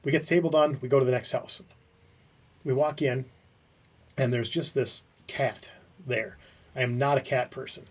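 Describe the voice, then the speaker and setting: A man co-hosting a podcast, telling lively stories in a casual chat. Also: medium pitch, moderate pace, long pauses, far from the mic. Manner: animated storyteller who acts out quotes.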